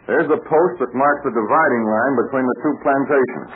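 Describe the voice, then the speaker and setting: Man acting a steady radio-serial adventurer, tinny recording. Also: mid-range voice, fairly quick, natural voice. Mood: explaining. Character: steady adult male adventurer, wry older pal. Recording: tinny narrow-band old radio recording, noisy.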